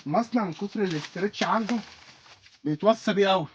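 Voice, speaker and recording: High-voiced Egyptian carpet seller hawking. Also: male voice, fast talker, highs cut off, a little hiss or hum. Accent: Egyptian Arabic. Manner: chatty, repeats short phrases like a market hawker. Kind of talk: casual market sales pitch.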